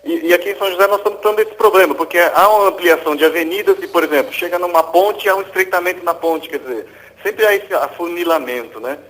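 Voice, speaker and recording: A Brazilian man phones in to a radio talk show, his voice coming through the line on air. He sits a little high in pitch and speaks hesitantly, restarting phrases and tagging them as he goes. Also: quick pace, fairly bright tone. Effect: caller heard over a phone line on air.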